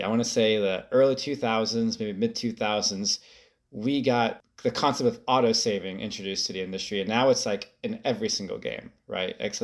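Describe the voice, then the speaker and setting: Male podcast co-host, easygoing explainer, lowish voice. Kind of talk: casual chat.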